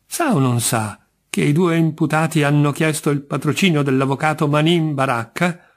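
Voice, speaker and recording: A bitter middle-aged jinx, as a male reader puts him on, indignant and menacing. His voice is husky and strained, raised well above an everyday register, and he hammers at every point he makes. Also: on the high side, moderate pace, pitched above the performer's own voice, natural voice. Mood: insistent.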